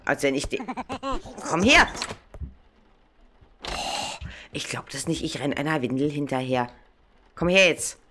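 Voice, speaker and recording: A woman's voice: a bass voice, normal speed, noisy background. A woman with a German accent giving casual commentary on a horror game, chatting and scolding the baby in it. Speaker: let's play gamer.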